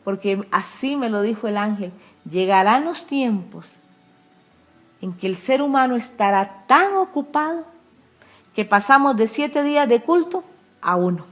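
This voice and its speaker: A woman's voice: a little high, lively intonation, a little slow. Earnest Costa Rican woman preacher. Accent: Costa Rican Spanish. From Costa Rica. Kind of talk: testimony in an interview.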